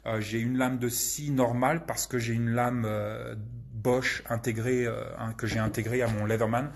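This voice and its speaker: A man's voice: mid-range voice, steady tone, normal speed. A man hosting a casual live question-and-answer session, rambling with many hesitations and crude slang. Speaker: channel host answering viewer questions.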